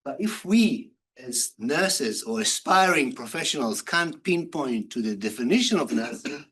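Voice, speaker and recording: A man's voice: medium pitch, expressive, measured pace, a bit bright, husky. A man lecturing at a conference in an interactive manner, putting questions to the audience and answering them himself. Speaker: university lecturer in nursing and health informatics.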